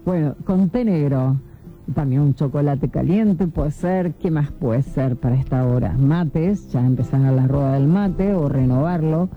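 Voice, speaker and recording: Low-pitched and a little slow, this woman is a radio host from Córdoba, Argentina, running an early-morning call-in show. She chats while reading out messages from listeners, and the broadcast has a thin, phone-like quality with faint music behind it.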